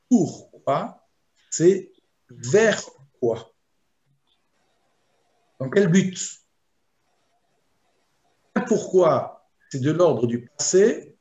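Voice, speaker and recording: A man teaching a Torah lesson as a rabbi, explaining slowly and chanting Hebrew verses in between. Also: on the high side, dark tone, muffled recording. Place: video lesson.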